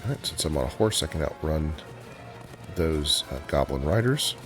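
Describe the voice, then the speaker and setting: Male walkthrough host, very low voice, laid-back explainer, lots of "uh" pauses. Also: music in the background. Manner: relaxed, explanatory, frequent filler pauses. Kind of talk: casual gameplay commentary.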